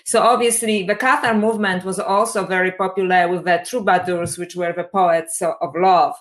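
A woman's voice: fairly low pitch, steady tone, fairly bright tone. Hesitant woman on a discussion panel. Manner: halting, many fillers and restarts. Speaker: panel guest scholar.

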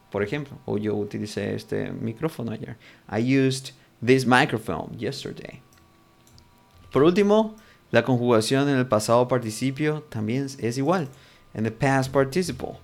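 A man teaching a language lesson, patiently working through examples and checking in often with his students. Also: medium pitch. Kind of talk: explaining a lesson.

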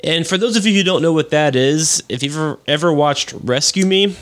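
A woman's voice: low voice, a little fast. A woman co-hosting a podcast in casual chat, joking around and laughing easily. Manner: joking, breaks into bits of song, laughs easily. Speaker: podcast co-host.

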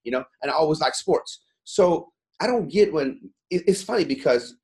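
With a slightly high voice, lively intonation, a darkish tone and a normal speaking speed, this Iranian man in his forties appears as an interview guest. A gym owner, he gives motivational talk in a blunt, profane, fired-up way and says "you know" constantly.

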